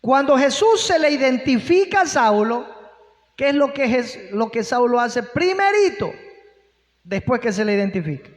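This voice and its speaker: A man's voice: extremely high pitch, very animated, moderate pace. A male pastor preaching a sermon, posing rhetorical questions and breaking in with exclamations of praise. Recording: long hall reverb.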